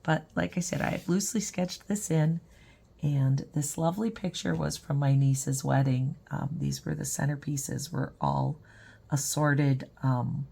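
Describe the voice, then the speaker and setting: Older woman, hoarse and raspy, low gravelly voice, chatty rambling art demo. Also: steady tone, a little slow, warm tone. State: hoarse, lost voice. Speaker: art teacher and channel host. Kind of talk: casual painting demo.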